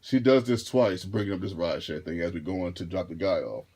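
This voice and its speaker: A vlogger and rideshare driver in his thirties talks straight to the camera in a loose, casual storytime monologue. His deep, low voice is mellow and slightly rough, and though he speaks briskly, he's laid-back and rambling, repeating himself and restarting phrases as he circles back mid-sentence.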